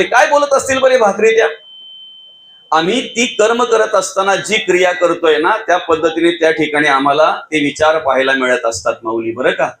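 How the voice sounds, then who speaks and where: A male devotional preacher giving a Marathi sermon in an emphatic style, often rising to near shouts and calling the listeners Mauli, with a rural Thane-region Marathi accent. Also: sits high, poor audio. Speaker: kirtankar preacher.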